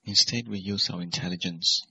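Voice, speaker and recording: A Buddhist monk leads a guided meditation, speaking in measured, simple phrases and asking gentle questions. His voice is deep with a breathy edge, captured on a dull, lo-fi recording.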